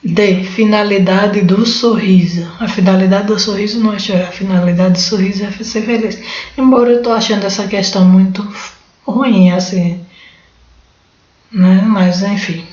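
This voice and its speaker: Going through exam questions in a spoken Portuguese prep lesson, this Brazilian teacher talks informally, thinking aloud and frequently starting over. Her voice is mid-range with a darkish tone, fairly even intonation and normal speed, heard in a roomy, dull lo-fi recording.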